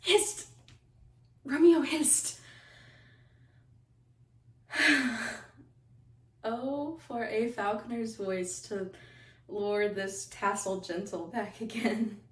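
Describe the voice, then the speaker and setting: A woman's voice: mid-range voice, lightly acted. A woman playing a giggly lovestruck young girl. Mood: longing, playful. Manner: breathless and giggly, drawn-out verse. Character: young lovestruck girl calling to her lover. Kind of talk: classical stage monologue. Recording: echoey room from far off.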